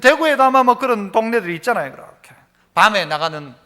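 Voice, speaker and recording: A male pastor delivers a Sunday sermon, throwing question after question at his congregation. His voice sits very high and sounds bright and forceful. Long reverb trails after him in the church hall. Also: lively intonation, fast. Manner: emphatic preaching with rhetorical questions to the congregation. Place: church sanctuary.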